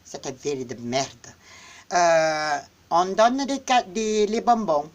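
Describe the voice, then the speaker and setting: A woman's voice: on the low side, slow pace. A woman running a clothing shop hosts a playful live video, teasing her viewers with mock insults while promoting a Halloween event.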